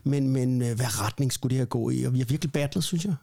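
Gravelly-voiced hesitant man. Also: medium pitch, mellow. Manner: hesitant, many fillers. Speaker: radio host. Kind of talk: casual radio banter.

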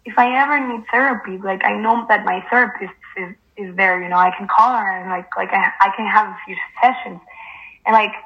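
A young woman whose first language is Spanish talks in an earnest, halting way and pads nearly every phrase with "like". Her voice sits at a middle pitch. The sound is a little muffled and lo-fi. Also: steady tone. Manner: hesitant, fills with "like" constantly, earnest. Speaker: guest. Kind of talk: casual conversation.

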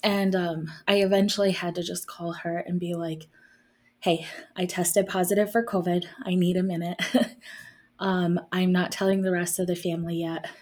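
A woman's voice: lowish voice, little pitch movement, normal speed, darkish tone. A woman co-hosting a podcast, talking candidly in casual chat, laughing often and trailing off mid-sentence. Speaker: podcast co-host.

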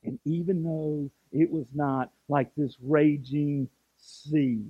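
A man's voice: on the high side, fairly even intonation, takes it slowly, slightly rough, no room sound, muffled recording. A man, preaching a storytelling sermon that builds to impassioned. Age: 40s. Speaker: pastor.

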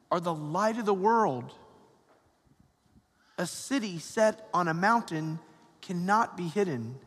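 Priest in a cathedral echo, high-voiced. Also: male voice. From Georgia, US. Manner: slow, measured reading, then chatty homily with "right?" asides. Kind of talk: gospel reading and homily. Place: large church. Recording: long church reverb, cathedral echo.

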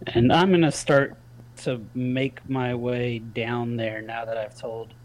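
A man's voice: medium pitch, fairly even intonation, slow pace, darkish tone, low-quality recording. A man playing a tabletop game, thinking aloud with fillers. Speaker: player. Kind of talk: casual tabletop play.

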